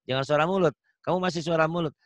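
A man teaching Quran recitation over an online call, chatting and coaching, then chanting example verses slowly and melodically. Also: fairly high pitch, fairly even intonation, dry recording. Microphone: video call.

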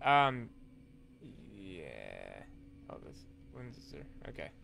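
A man's voice: low voice, huge pitch swings, drawn-out words, vocal fry, heavy background noise. Hesitant, um-filled man playing a game. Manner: hesitant, full of ums and self-corrections. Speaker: game streamer. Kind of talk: casual game playthrough commentary.

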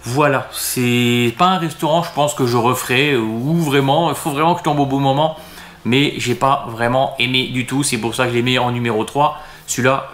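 A man's voice: medium pitch, fairly bright tone, roomy sound. A man talking casually to camera as a restaurant vlogger, hesitant and full of fillers and restarts.

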